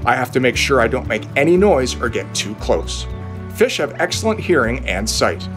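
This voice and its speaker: A man's voice: mid-range voice, moderate pace, music in the background. Upbeat man hosting a fishing show. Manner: upbeat, excitable when a fish bites. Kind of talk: outdoor fishing show commentary. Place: outdoors, wading in a small river.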